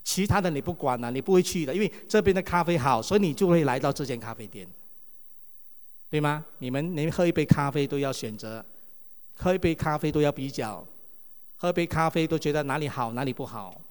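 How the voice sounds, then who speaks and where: A male pastor delivers a sermon in a raised voice, pitched a little high for a man. He keeps throwing questions at the congregation, and his voice rings with the long reverb of a church hall. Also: fairly quick. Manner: lively, asks the congregation many rhetorical questions.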